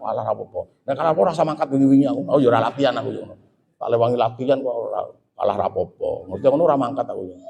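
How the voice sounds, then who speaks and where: A man with a Javanese accent preaching a folksy, joking sermon, often calling out to the audience. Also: fairly high pitch. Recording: echoey hall reverb.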